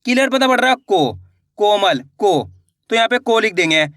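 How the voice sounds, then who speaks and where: A man teaching reading, sounding out each syllable slowly and then blending them into words, often repeating and asking the learner questions. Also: high-pitched, lively intonation, a bit bright, no echo, clean studio sound. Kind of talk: slow spelled-out reading lesson.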